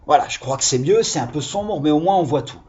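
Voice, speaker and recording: Male teacher for young kids, lively pitch, mellow tone, patient and encouraging, dull lo-fi recording. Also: quick pace. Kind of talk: lesson for young children.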